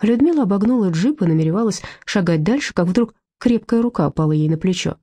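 A woman narrating an audiobook in lively storytelling fashion. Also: medium pitch, fast talker, breathy edge, no room sound. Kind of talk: scripted narration.

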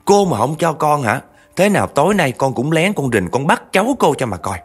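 A man's voice: fairly high pitch, very animated, fairly quick, slightly rough, pitched above the performer's own voice. A man voicing a desperate, childless young woman who pleads and wails. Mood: threatening. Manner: pleading, wailing and pushy.

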